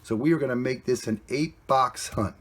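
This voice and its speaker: A man with a mid-pitched voice hosts a coin hunting vlog from indoors at home. He talks casually and plainly, cheerful as he walks through what he found. The sound is a simple camera mic recording. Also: normal speed. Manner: chatty, plainspoken, upbeat about finds. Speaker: coin roll hunting channel host.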